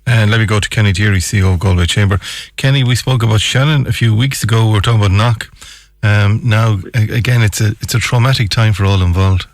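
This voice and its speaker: A man's voice: lowish voice, fast talker, no room sound. A man presenting a current affairs radio show, talking in a conversational but emphatic way.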